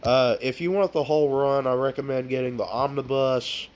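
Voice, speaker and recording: A man from the United States with a cold-stuffed nose chats casually in a vlog, showing off his book collection. His voice is medium-pitched, steady, and somewhat dark. He talks slowly and without hurry, dropping in plenty of ums and uhs.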